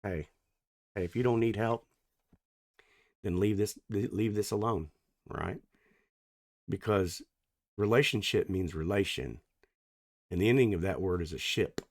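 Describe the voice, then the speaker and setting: Chatty man giving a tarot reading. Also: on the low side. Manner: chatty, playful, rambling, swings between loud and soft. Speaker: tarot reader. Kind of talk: casual tarot reading to camera.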